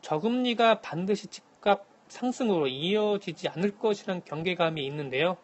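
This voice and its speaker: Higher-voiced man giving a radio economic briefing. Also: normal speed. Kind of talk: scripted news briefing, answering by phone. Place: phone link to a radio programme.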